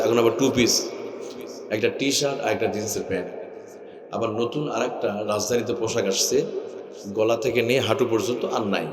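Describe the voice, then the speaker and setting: A man from Bangladesh preaches an Islamic sermon with animated rhetorical questions, rising loud and then falling hushed. He is heard from some distance off the mic. Long echo rings through the gathering. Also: medium pitch.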